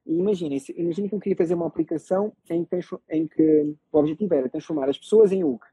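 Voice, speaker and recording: A man's voice: fairly high pitch, racing, warm tone, breathy edge, dry recording, poor audio. A man with a European Portuguese accent explaining things in a casual discussion, often repeating phrases and checking that listeners follow. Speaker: panelist explaining technology.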